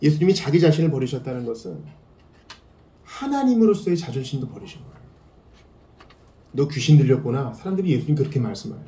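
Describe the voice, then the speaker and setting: A man preaching a sermon as pastor, swinging between loud emphasis and hushed tones. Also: fairly high pitch, big pitch swings, fast, reverberant.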